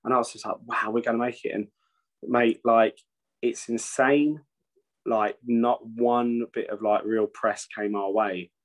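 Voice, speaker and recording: In an unhurried, fairly even voice of medium pitch, a male metal singer who also plays bass chats as a guest from home. He rambles, curses frequently and keeps restarting, heard through a video call webcam with shelves in the room behind him.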